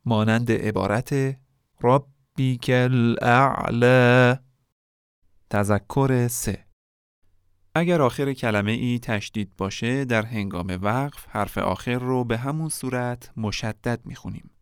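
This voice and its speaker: Male lesson narrator, smooth and close, dead-dry sound, measured delivery that drags out example words. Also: medium pitch, dry recording. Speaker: Quran recitation teacher. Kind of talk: scripted instructional narration.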